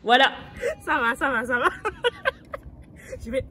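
This young woman's voice is high, slow, bright and forceful, with a bit of hiss or hum in the audio. She's a travel vlogger talking casually and playfully to her phone camera at arm's length, out in nature.

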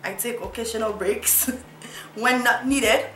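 A young Nigerian woman giggles and chats her way through a makeup tutorial vlog, teasing herself along the way. Her voice is a little high and slightly slow, bright and forceful in tone. The audio carries a roomy echo and faint music.

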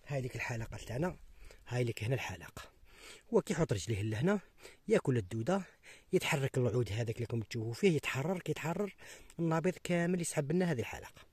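A man with an Algerian Arabic accent demonstrates a hunting method outdoors, step by step. He talks straight to his viewers and often drops into a hushed whisper. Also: mid-range voice, lively intonation, racing, slightly rough, no echo. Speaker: hunting tutorial host.

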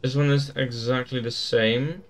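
A man's voice: mid-range voice, steady tone, measured pace. A man giving casual gameplay commentary, thinking aloud in an easygoing way as he explores a game. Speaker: gaming YouTuber.

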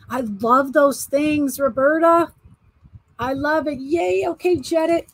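A woman's voice: high voice, slow, no echo, rough recording. A woman in her forties hosting a live online auction, chatting casually, laughing often and greeting viewers by name as she shows items for sale. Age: 40s. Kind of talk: casual live-stream selling chat.

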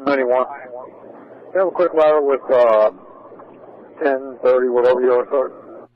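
A man's voice: medium pitch, steady tone, measured pace. A male police officer talking over a muffled, faintly noisy police radio.

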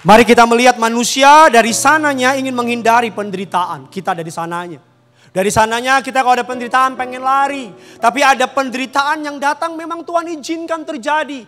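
A man's voice: extremely high pitch, steady tone, fairly quick, fairly bright tone. A male pastor preaching fervently, calling for amens and mixing in casual stories. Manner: fervent, calls the congregation to answer amen; mixes preaching with casual storytelling. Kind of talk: sermon. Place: church hall during a service. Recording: echoing church hall with music behind.

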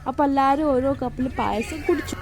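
A woman's voice: high-pitched, brisk. A Malayali woman from Kerala narrating her family outing in a chatty, enthusiastic voice-over, with frequent restarts. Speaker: family vlogger.

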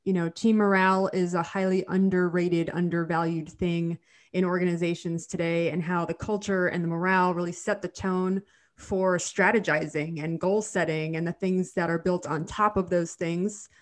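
Chatting casually on a podcast she co-hosts from her living room, this dental hygienist in her thirties sounds a little nasal from a cold. Her lowish voice keeps fairly even intonation at normal speed, with frequent restarts, recorded through a studio mic on a video call.

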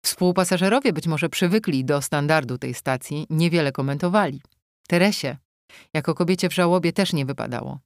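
A woman reads a novel aloud with a low, steady voice and a measured storytelling pace. The sound is close-miked and dry, with no room echo. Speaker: audiobook narrator. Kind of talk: scripted narration.

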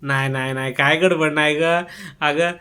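A man's voice: a little high, steady tone, moderate pace, bright, forceful tone. A man playing a husband in a comic skit, pleading and laughing as he talks. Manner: giggly, pleading, keeps laughing while denying it. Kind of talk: comic sketch acting.

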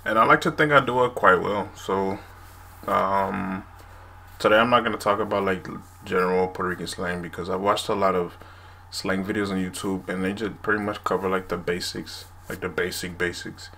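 With a low, creaky voice that is bright and forceful, this twenty-something host explains words casually on camera for a language video. He keeps a steady tone at normal speed, recorded noisily in a small room at home.

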